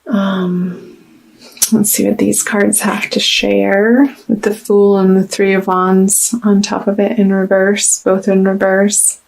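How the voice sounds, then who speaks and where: A woman giving a casual tarot reading, talking slowly and reflectively with halting restarts and pauses as she consults the cards. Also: medium pitch, little pitch movement, vocal fry, darkish tone, rough recording. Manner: slow, halting, with many restarts and ums. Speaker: tarot reader.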